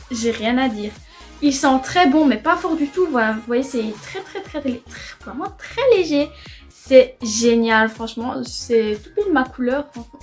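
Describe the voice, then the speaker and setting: A young woman casually chatting through a makeup try-on at home, enthusiastic and full of fillers. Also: a little high. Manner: chatty, enthusiastic, repeats "franchement" often. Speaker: beauty vlogger. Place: home room near a window.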